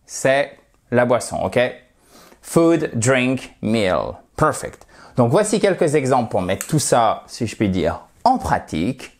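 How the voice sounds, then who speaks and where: A man, an English teacher, giving an online language lesson in a playful way. He stretches out words slowly for pronunciation drills and swings his voice high and low for emphasis. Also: darkish tone. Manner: jumps between high and low tones for emphasis.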